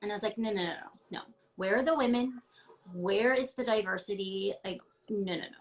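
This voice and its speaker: A ballet dancer speaks as a guest in a casual video-call interview from her ground-floor apartment at home. Her medium-pitched voice runs a little fast, and she's candid and emphatic, with many fillers like "like" and "um."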